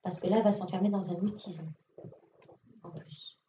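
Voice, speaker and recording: French medium, casual, in an echoey hall. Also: female voice, lowish voice, steady tone, normal speed, dark tone, slight background noise. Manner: casual, direct, many fillers. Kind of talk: public mediumship reading. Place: conference hall. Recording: echoey hall, distant lo-fi mic.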